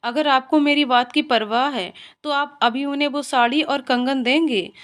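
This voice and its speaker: A woman voicing an older, caring household nanny who speaks in a gentle but firm, motherly way. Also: sits high, fairly even intonation, moderate pace.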